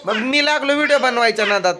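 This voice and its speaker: A man's voice: extremely high pitch, fast. Playful father talking over background noise. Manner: playful, teasing, often calling out to the kids. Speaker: father and family vlogger. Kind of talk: casual family vlog chat.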